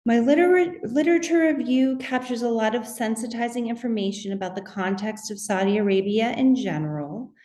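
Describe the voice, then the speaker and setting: A middle-aged woman giving a conference presentation on her research, methodical and measured, with occasional fillers and restarts. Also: a little high, warm tone. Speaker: academic researcher presenting at a symposium. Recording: roomy echo.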